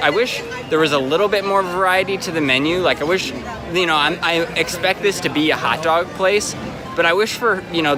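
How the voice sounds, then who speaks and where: A man with a slightly high voice chats casually as a food review co-host. He hesitates and restarts his sentences often. Clear music plays behind him in a busy outdoor park.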